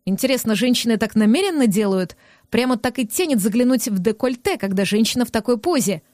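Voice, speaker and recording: A woman narrating a novel in the first person, reading in a steady, expressive way. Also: fairly high pitch, fast, no echo, clean studio sound. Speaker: audiobook reader.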